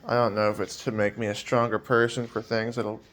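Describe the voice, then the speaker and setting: Weary, rambling young man, lowish voice. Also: flat delivery, brisk, fairly bright tone. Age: 20s. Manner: hesitant, rambling, many fillers and trailing off; weary, anxious. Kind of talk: personal vlog monologue.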